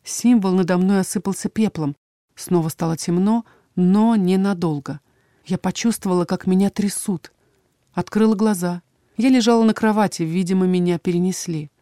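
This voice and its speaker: Mellow woman reading a fantasy audiobook. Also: on the low side, no echo, studio quality. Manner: measured, expressive reading. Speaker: audiobook narrator. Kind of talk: first-person fantasy audiobook narration.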